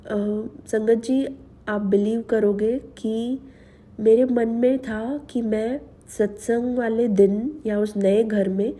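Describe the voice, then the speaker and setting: Slow, earnest woman with a sore throat. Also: a little high, dark tone, slightly rough. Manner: slow, earnest, mixes English words into Hindi. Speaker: devotional channel host. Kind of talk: personal testimony to a spiritual audience.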